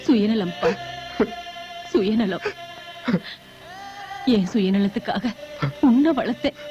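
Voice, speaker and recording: An actress dubbing a devoted foster mother who softly consoles her son. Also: expressive, takes it slowly. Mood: consoling. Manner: soft, consoling, low. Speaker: dubbing actor. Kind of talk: dubbed film acting. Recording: muffled film soundtrack with loud music.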